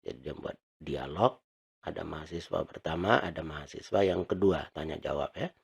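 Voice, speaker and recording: A man teaching an Arabic lesson, patiently explaining words and repeating them slowly. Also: very deep voice, gravelly, breathy edge.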